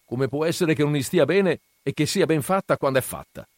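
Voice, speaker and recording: A man's voice: a little high, a little fast, dry recording, studio quality, voice pushed up, lightly acted. A man doing an eager young peasant lover. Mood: pleading. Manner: eager, pleading. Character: earnest young peasant man in love, pleading.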